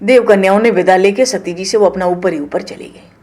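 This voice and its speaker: A woman giving a devotional scripture storytelling discourse, moving between hushed asides and raised emphasis. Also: medium pitch, brisk.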